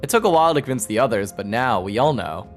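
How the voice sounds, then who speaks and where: A man playing a smooth-talking, manipulative young man who speaks in a persuasive, reassuring way. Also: medium pitch, animated, fast, lightly acted. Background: faint background music.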